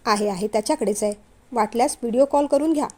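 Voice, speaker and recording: A woman voicing a polite, gentle young man who is a company director, in a storybook reading. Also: on the high side, fast, close to an everyday voice.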